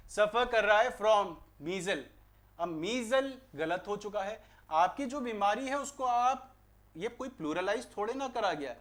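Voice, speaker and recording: A man's voice: high voice, fairly bright tone. A young man with an Indian accent teaching an online grammar lesson, mixing English into Hindi and firing rhetorical questions at students before answering them. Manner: mixes English phrases into Hindi explanations.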